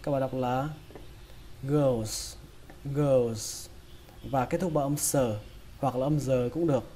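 Mellow-voiced man drilling English words. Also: medium pitch, a little hiss or hum. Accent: Vietnamese. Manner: repeats each word slowly, breaking it into sounds. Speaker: English pronunciation teacher. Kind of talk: slow, drilled pronunciation lesson.

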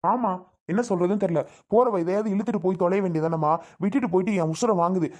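A man's voice: high voice, darkish tone, close to an everyday voice. A man playing a stern, impatient father who lectures and threatens his small daughter. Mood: complaining. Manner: lectures and threatens in fast, irritated talk.

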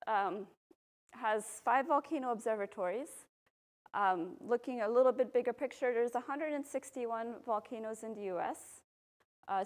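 A relaxed woman volcanologist from Belgium talks to a public audience at a university lecture room podium, filling pauses with frequent ums. Her voice leans high. The recording comes from a podium mic, filmed by a distant camera.

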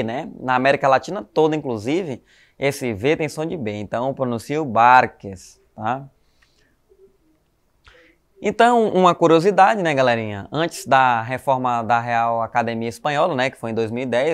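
In this recorded online Spanish lesson for schoolchildren, a man with a mid-range, clear, resonant voice and a Brazilian Portuguese accent explains things patiently. He keeps tagging his lines with "né?" and "tá?", addresses the kids as "galerinha", and spells letters slowly.

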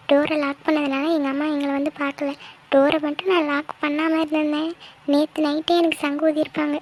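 A woman doing a cheeky, squeaky college girl. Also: a little mellow, slight background noise, close to an everyday voice. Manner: teasing, brash questions. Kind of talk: cartoon voice acting.

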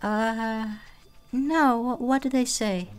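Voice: medium pitch, fairly even intonation, takes it slowly, clean tone, soft background music, voice pushed up. A creator using a voice changer to play a shy, hesitant fifteen-year-old decoy who stammers and trails off. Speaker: host posing as a teen.

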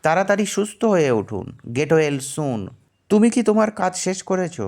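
A man reading everyday phrases for learners, each Bangla phrase followed by its English translation, which he says slowly. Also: high-pitched, sing-song, vocal fry, a little mellow. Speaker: English teacher.

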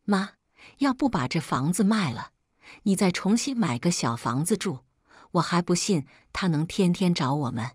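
A woman's voice: lowish voice, big pitch swings, normal speed, a little mellow, slightly rough, no echo, clean studio sound. A woman voicing a tired but determined young woman in a story. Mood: resolute. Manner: weary, resolute. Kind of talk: scripted story narration.

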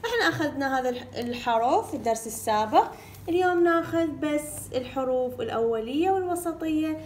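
High-voiced woman teacher sounding out syllables. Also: a little hiss or hum. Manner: sounds out syllables slowly and repeats words. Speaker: primary school teacher. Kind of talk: reading lesson for first graders.

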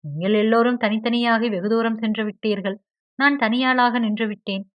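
A woman's voice: on the high side, normal speed, no room sound, natural voice. A woman reading the lines of a hurt, proud young woman in an audiobook, with a plain, earnest delivery. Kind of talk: audiobook character dialogue. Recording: dry, slightly dull audio.

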